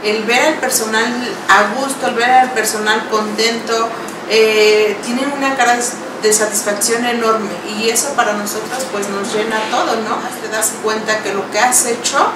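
A woman's voice: fairly high pitch, fairly even intonation, moderate pace. A woman in her thirties, a salon owner, speaking heartfelt and hesitant in a seated interview. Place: indoor studio with bookshelves. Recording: roomy sound, distant mic, noisy.

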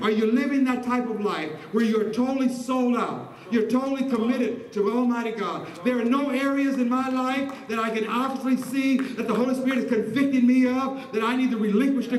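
High-voiced preaching man in roomy church. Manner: rhythmic preaching with call-and-response, builds to shouts then drops low and soft. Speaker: pastor. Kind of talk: sermon. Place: church sanctuary. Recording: roomy church sound from a distance. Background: congregation responding.

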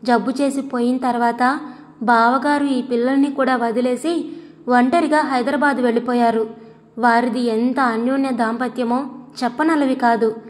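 A woman voicing a sorrowful young woman who gently confides family grief to a guest, in a storybook reading. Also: fairly high pitch, steady tone, moderate pace, lightly acted. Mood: sad confiding. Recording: long hall reverb.

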